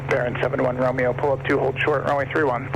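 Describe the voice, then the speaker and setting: A man's voice: mid-range voice, vocal fry. A man speaking as an air traffic controller over an aircraft radio, giving clipped, businesslike instructions. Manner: rapid, flat, businesslike. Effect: pilot-style radio transmission over aircraft radio. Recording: noisy aircraft radio over engine hum.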